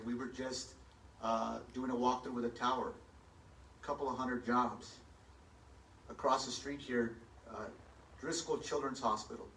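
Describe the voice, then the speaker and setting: A medium-pitched man from Texas, running for mayor, answers a forum question confidently and emphatically on stage in a large hall. He uses a handheld mic, but the phone filmed from far back, so the sound is echoey with slight background noise.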